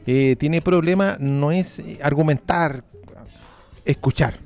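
A man with a Chilean accent, hosting a casual interview and chiming in with quick affirmations. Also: fairly high pitch, a little mellow. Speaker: host.

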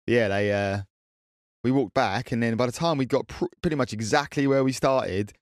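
A man's voice: medium pitch, normal speed, dry recording, studio quality. A young man, rambling through a casual recap of a trip, with swearing and tag questions.

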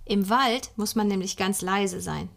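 A woman's voice: medium pitch, unhurried, creaky. A woman voicing a young girl, a sensible and slightly bossy older sister. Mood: bright.

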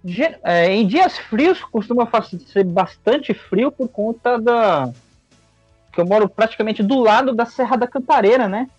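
Sao paulo brazilian guy, high raspy-ish voice, casual guest chat, dull audio w music behind. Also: expressive, measured pace, no room sound. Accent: São Paulo Brazilian. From São Paulo, Brazil. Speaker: guest challenger.

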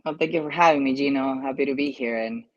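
A Peruvian jockey with a Peruvian Spanish accent gives casual interview answers, haltingly searching for the right phrasing. He has a medium-pitched voice, and the audio is dull.

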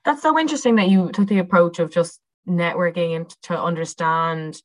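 A woman's voice: lowish voice, normal speed. A woman interviewing someone in a casual, inquisitive way.

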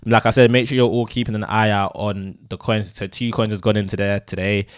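A young man with an urban London roadman accent hosting a podcast in casual, slangy, animated and argumentative banter. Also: fairly low pitch, fairly quick, clean tone, dry recording, clean studio sound. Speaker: podcast host.

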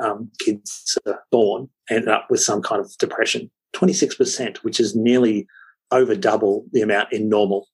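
Husky man telling stories. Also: lowish voice, low-quality recording. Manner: lively anecdotes with frequent fillers. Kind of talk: casual storytelling chat.

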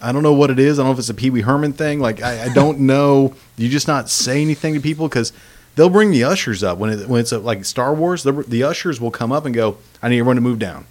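A man's voice: mid-range voice, fast, darkish tone. Joking man riffing in podcast chat. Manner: joking, chuckling, riffs on stories.

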